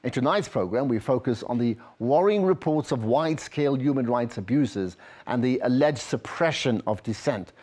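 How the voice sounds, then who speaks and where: A man introducing tonight's programme in a clear, formal broadcast manner. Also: mid-range voice, lively intonation, normal speed, a little mellow. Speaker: news presenter. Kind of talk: scripted news introduction.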